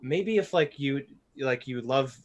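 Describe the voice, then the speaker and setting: A man chatting on a podcast, his voice sitting in an ordinary middle register. He talks in a blunt, animated way and swears freely. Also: medium pitch, unhurried. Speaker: podcast host. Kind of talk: casual podcast chat.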